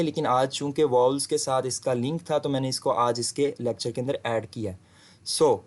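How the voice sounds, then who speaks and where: A man giving a recorded lesson, reading example sentences slowly and clearly. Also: mid-range voice. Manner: slow, deliberate reading of English example sentences. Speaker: English teacher. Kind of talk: video lecture.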